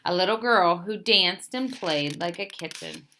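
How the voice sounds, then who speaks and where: In a lowish, sharp voice with some vocal fry, a woman reads a children's picture book aloud at a measured pace. She tells it expressively, raising the beginnings of phrases and easing down at sentence ends.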